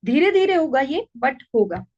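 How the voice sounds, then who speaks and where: Woman, high-pitched, parenting coach, calm patient teaching, muffled lo-fi sound. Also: moderate pace. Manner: calm, patient, explains with worked examples. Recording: dull lo-fi recording.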